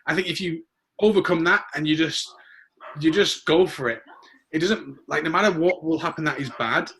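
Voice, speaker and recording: A man's voice: a little high, normal speed, a bit bright. A man hosting a casual interview, blunt and opinionated, swearing freely. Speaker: host.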